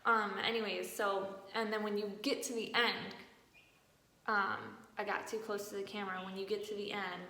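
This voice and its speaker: A woman's voice: mid-range voice, level tone, normal speed, pushed and bright. Echoey, distant woman drill instructor calling commands. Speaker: marching band drill instructor. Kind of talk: instructional demonstration, casual explaining with called-out drill commands and counts. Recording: very echoey room, far from mic, faint noise.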